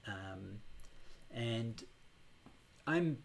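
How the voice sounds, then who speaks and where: Middle-aged New man, gravelly voice, meditation teacher opening a live-streamed class, unhurried and hesitant. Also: mid-range voice, lively intonation, a little hiss or hum. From New Zealand. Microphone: new microphone on a laptop setup.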